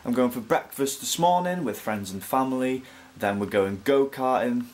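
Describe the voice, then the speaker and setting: A man's voice: mid-range voice, normal speed, a little mellow. A young man in his twenties, chatting upbeat and jokey to the camera in a casual vlog. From North Wales. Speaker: vlogger. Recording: noisy handheld vlog audio.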